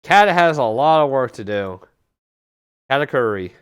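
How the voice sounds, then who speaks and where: A man casting a live online game tournament, with excitable, chatty and rambling play-by-play. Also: mid-range voice, moderate pace, clear, resonant tone, dry recording, studio quality. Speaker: esports tournament caster.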